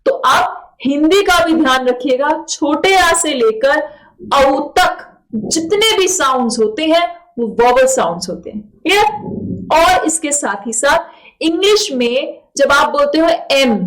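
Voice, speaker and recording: High-voiced woman teaching English. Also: low-quality recording. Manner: repeats key points and quizzes with "clear?". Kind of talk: classroom lesson for exam aspirants.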